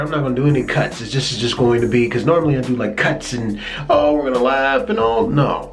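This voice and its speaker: A man hosting his own show, talking casually and excitedly about pro wrestling, often stumbling over and repeating words when fired up. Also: medium pitch. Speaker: host.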